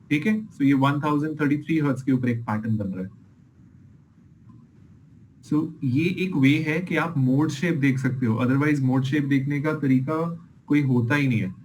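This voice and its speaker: A man's voice: fairly high pitch, a little hiss or hum, rough recording. A man teaching a class as an engineering lecturer, explaining experiment videos patiently and checking in with his students often.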